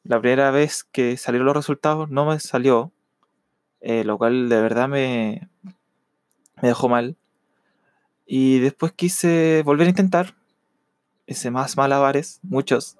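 A young man with a Chilean accent, a student telling his own story in a reflective, halting way with many fillers. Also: mid-range voice, steady tone, clean tone, no room sound, clean studio sound. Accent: Chilean Spanish. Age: young adult. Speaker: university student. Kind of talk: personal testimony.

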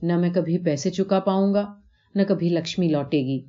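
A woman voicing a quiet worried father. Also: fairly low pitch, muffled recording, close to an everyday voice. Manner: quiet, brooding. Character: poor worried father in debt, quiet man.

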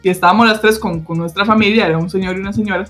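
Young Costa Rican woman co-host, chatty and animated, mid pitch, light music bed. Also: very fast. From Costa Rica. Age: young adult. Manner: animated storyteller, frequent tag questions. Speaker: podcast co-host. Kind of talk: casual chat.

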